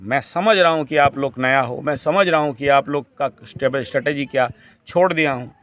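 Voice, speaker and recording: A man's voice: medium pitch, normal speed, a bit bright, dry recording. A man teaching a camp group in a preachy, repetitive way, slipping English phrases into his lecture.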